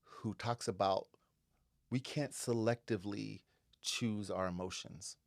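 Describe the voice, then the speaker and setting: Gravelly low-voiced man podcast co-host. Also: fairly even intonation, no echo, clean studio sound. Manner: reflective, measured, affirming murmurs. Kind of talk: casual podcast chat.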